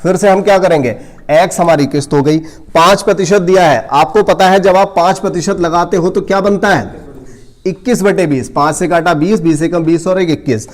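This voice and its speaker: A man's voice: high-pitched, normal speed. A man teaching a coaching class in math, working sums aloud step by step and talking straight to his students. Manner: addresses students directly, gently scolding.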